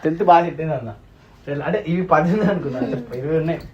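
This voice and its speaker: A man's voice: fairly high pitch, racing, lo-fi sound. A man hosting a casual video, teasing and joking playfully while mixing Telugu and English. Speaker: host.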